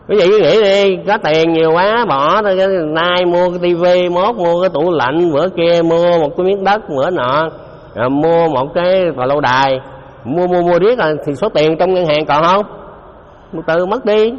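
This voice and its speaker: A fairly high-voiced man gives a chatty Buddhist dharma talk and keeps quizzing his listeners. The recording is dull and lo-fi, and his voice rings with the long reverb of a large hall. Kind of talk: dharma talk to a live audience.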